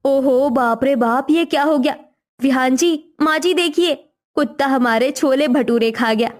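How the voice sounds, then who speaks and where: Cartoon young bahu, woman voicing: high, girlish, greedy, excitable. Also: a little slow. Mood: panicky. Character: greedy young daughter-in-law, sweet and excitable.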